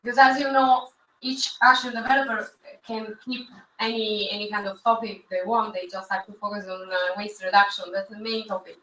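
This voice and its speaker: A woman's voice: mid-range voice, steady tone, brisk, bright, forceful tone. A woman with as her language hosting a live-streamed awards ceremony, speaking hesitantly with repeated words. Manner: hesitant, repeats words, non-native phrasing. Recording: echoey hall from far off.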